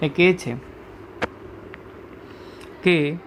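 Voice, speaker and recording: A man teaching a class, explaining sounds slowly, reciting letters one by one and often asking if students follow. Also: fairly high pitch, noisy background. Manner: repeatedly checks understanding with "right?". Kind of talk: classroom lecture explaining Sanskrit phonetics.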